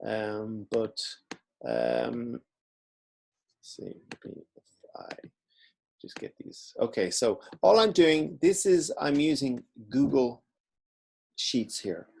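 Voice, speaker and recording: A man teaching in a relaxed, informal way, walking through a screen-recorded software tutorial. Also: mid-range voice, slow pace, creaky, pauses often, a little hiss or hum. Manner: relaxed, informal explaining while clicking.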